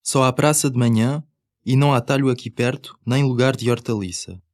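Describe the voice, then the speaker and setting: A man's voice: mid-range voice, fairly even intonation, fairly quick, darkish tone, no room sound, clean studio sound. A man with a European Portuguese accent reading scripted language-course dialogue, carefully enunciated.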